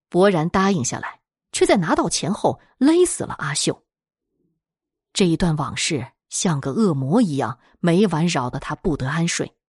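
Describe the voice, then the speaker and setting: A woman narrating a scripted horror story in a dramatic, expressive storytelling manner. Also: on the low side, breathy edge, no room sound, studio quality.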